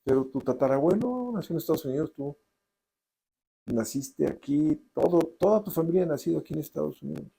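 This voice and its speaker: A Mexican man, a novelist, answering interview questions deliberately with frequent restarts and hesitations. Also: medium pitch, creaky, warm tone, husky, low-quality recording. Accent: Mexican Spanish. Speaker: novelist guest.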